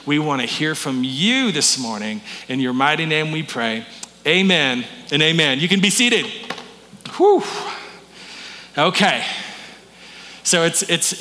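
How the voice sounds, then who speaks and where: A man's voice: medium pitch, long reverb tail. A man pastor giving a conversational sermon, often restarting his words with stammers. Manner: warm conversational preaching with frequent stammered restarts. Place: church sanctuary.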